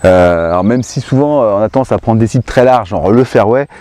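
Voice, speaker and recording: A man's voice: fairly low pitch, brisk, mellow, no echo. A man hosting a golf lesson, talking in a casual, hesitant, explanatory way. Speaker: golf course host. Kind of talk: casual instructional chat.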